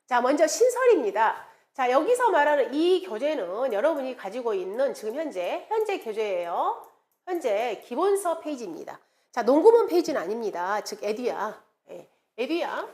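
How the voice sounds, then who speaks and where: A woman's voice: high-pitched, big pitch swings, normal speed, a little mellow. A middle-aged woman instructor giving an online exam prep lecture, repeating key words and chanting playful memory aids.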